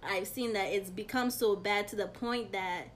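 A woman's voice: mid-range voice, normal speed, a little hiss or hum. A woman who grew up between Ghana and America, talking through her thoughts in an earnest, reflective way in a casual conversation.

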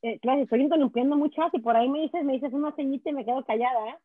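A Mexican woman, a guest speaking on immigration, talking in a chatty, quick way over a call. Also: high voice, slightly rough, no echo. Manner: fast, chatty, restarts words. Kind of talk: casual chat. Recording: tinny dry phone line.

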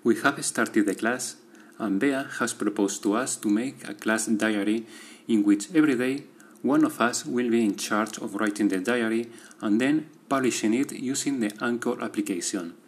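A man with a slightly husky, breathy voice reads a prepared class diary aloud. His pitch sits in an ordinary middle range. He goes through it step by step, steady and methodical. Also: moderate pace. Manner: steady, methodical reading of a written account. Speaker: student.

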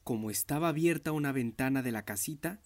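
A man reading a children's fairy tale aloud in an expressive, child-friendly way. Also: mid-range voice, brisk. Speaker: storyteller.

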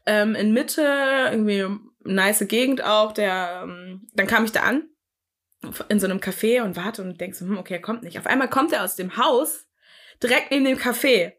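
A woman's voice: mid-range voice, moderate pace, a bit bright. A young woman in casual chat, telling a personal story in a chatty way, mixing in English words and acting out what people said.

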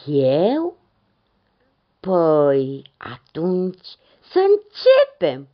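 A woman's voice: lowish voice, huge pitch swings, voice pushed up. A woman voicing a kindly, wondering old Father Christmas in a storybook tale, on a dull lo-fi recording.

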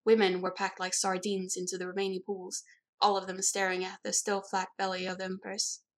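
A woman's voice: mid-range voice, monotone, brisk. Woman reading a story aloud. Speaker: audiobook reader. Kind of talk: scripted narration.

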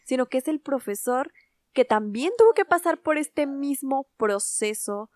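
Chatty high-voiced woman. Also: animated, measured pace, no room sound, clean studio sound. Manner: chatty, mixes English phrases into Spanish. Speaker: podcast co-host. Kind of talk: casual chat.

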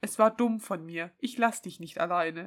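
A woman reading as a soft, guilt-ridden young man. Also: fairly low pitch, moderate pace, close to an everyday voice. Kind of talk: mock-dramatic reading of a story.

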